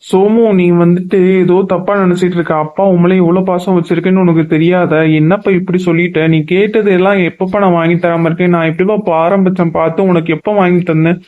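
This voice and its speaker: A man's voice: high-pitched, level tone, quick pace, natural voice. A man voicing a loving, strained father. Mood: pleading. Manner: pleading, then scolding. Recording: dull lo-fi sound.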